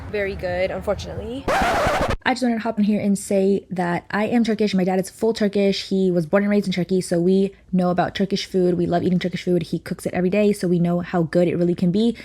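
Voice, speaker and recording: A woman's voice: medium pitch, a little mellow. A woman vlogging a trip in a chatty, upbeat way, full of "like" and "honestly.". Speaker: travel vlogger. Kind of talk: casual travel vlog narration.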